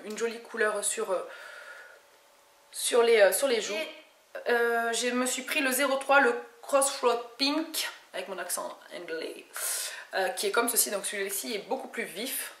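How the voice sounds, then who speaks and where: In a relaxed haul video shot in a room at home, a woman from France talks about beauty products, pausing often and starting sentences over. Her voice is medium-pitched and fairly bright, in an echoey space with slight background noise.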